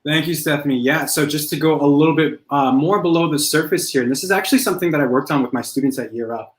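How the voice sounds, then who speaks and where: A man speaking as a career coach guest in a casual interview, relaxed and conversational, often tagging his points with a question. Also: on the high side, quick pace, reverberant, low-quality recording. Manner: relaxed, conversational, frequent "right?" tags.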